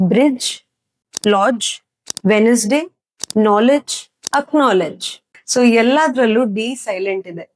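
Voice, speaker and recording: A young woman teaching spoken English with a Kannada-accented Indian English, explaining slowly and repeating word lists for practice. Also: fairly high pitch, low-quality recording. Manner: slow, deliberate explaining, repeating words for practice.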